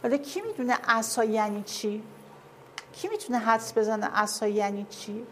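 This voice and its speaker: A woman's voice: a little high, expressive, slight background noise. Woman lecturing, checking understanding. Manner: asks listeners often if they follow. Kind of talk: classroom lecture with slides. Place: classroom.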